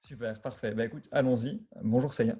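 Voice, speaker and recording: A man hosting a podcast, introducing the episode and questioning his guest in a brisk, informal way. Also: medium pitch, fairly even intonation, warm tone, husky, faint music behind. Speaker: podcast host.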